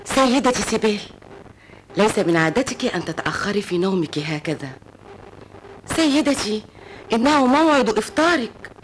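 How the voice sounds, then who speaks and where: An actress playing a devoted maid in a radio play, speaking softly and respectfully. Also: female voice, medium pitch, sing-song, moderate pace, long pauses, natural voice. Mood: gentle. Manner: soft, respectful. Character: devoted female maid, gentle then panicked. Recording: noisy old radio recording.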